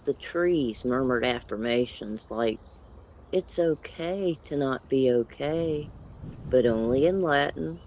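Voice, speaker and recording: Slow, mellow deadpan storyteller. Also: medium pitch. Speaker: narrator. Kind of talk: scripted comedic story narration.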